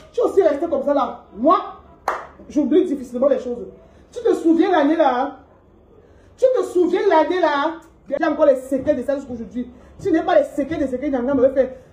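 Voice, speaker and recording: A woman's voice: high-pitched, warm tone. A woman with a Cameroonian French accent, ranting on a live stream and mocking someone with repeated rhetorical questions. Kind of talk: scolding live-stream rant. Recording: roomy echo.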